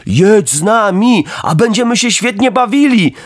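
Brief: a man playing a gang of boys, high and loud, chanting, storybook crowd. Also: very animated, slow, heavily acted. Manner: shouting, chanting. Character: crowd of rowdy young boys.

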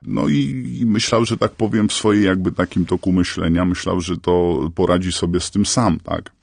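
A man speaks through a disguised, electronically altered voice that sits extremely low, gravelly and husky. His delivery is halting and earnest, as he searches for his words. The sound is close and dry. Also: steady tone, a little mellow, no echo. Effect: voice electronically altered and lowered to stay anonymous. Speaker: anonymous parent guest. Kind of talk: radio interview.

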